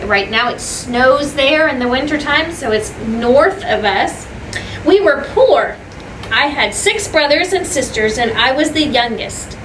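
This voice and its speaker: Her voice sits high and a bit bright, with lively intonation and a slightly slow delivery, as this woman teacher reads a story to children. She pauses for simple explanations, repeats points and asks the listeners questions, captured on a distant mic in an echoey room with clear background noise.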